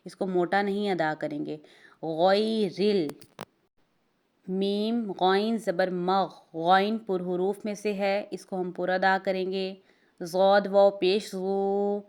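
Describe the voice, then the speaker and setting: A woman teaching Tajweed, spelling out letters and vowel marks one by one and chanting verses slowly. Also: mid-range voice, a little mellow. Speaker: Quran recitation teacher. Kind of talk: Tajweed lesson with slow recitation.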